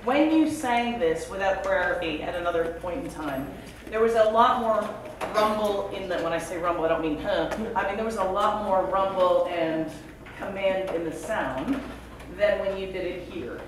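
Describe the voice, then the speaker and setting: A woman's voice: medium pitch, normal speed. A woman coaching singers in rehearsal, talking in a chatty, emphatic way and demonstrating as she goes. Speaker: vocal coach. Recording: echoey room, far mic, background noise.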